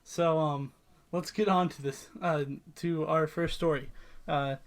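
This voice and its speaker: A man's voice: a little high, steady tone, a little slow. A young man co-hosting a casual podcast, playfully mimicking a news anchor with jokey banter. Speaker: podcast co-host. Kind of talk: casual mock news chat.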